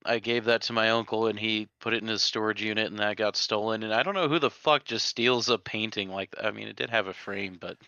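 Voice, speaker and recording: A man's voice: on the low side, steady tone, a little fast, hardly any pauses, sharp tone, clean tone, no echo. A man co-hosting a casual live stream chat, telling crude, joking stories. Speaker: podcast co-host. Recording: dry, dull lo-fi sound.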